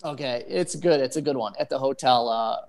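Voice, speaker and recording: A man chatting casually and without a script, talking in a halting, rambling way like a guest chef telling stories. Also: mid-range voice, gravelly, a loud crowd. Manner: halting, rambling, animated storytelling with acted-out quotes. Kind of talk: casual chat, natural unscripted talk.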